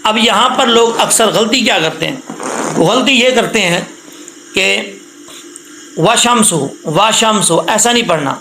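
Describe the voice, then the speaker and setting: High-voiced man teaching Quran recitation, echoey. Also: animated, creaky, sharp tone, slight background noise. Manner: drawn-out, slow chanted recitation of words; patient explaining with frequent check-ins. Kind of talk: step-by-step recitation lesson.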